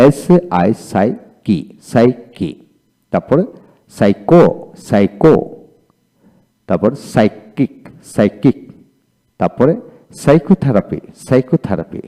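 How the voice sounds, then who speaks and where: A man's voice: fairly low pitch, dark tone. A man teaching a spoken English lesson, saying each word twice and spelling it out letter by letter.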